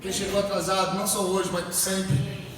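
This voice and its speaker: A man, a pastor preaching a Pentecostal sermon, telling stories and breaking into shouted exhortation in a church hall. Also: high voice, flat delivery, normal speed, slight background noise. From Northeast Brazil. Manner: storytelling, bursts into shouted exhortation. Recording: echoey church hall, far from mic.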